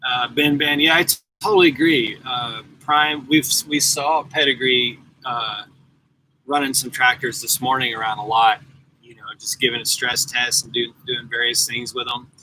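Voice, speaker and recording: A man's voice: medium pitch, steady tone, moderate pace, bright, forceful tone, a little hiss or hum, rough recording. A man in his forties, a truck driver chatting casually and rambling to viewers on a live stream from his parked truck at the yard. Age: 40s. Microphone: laptop mic.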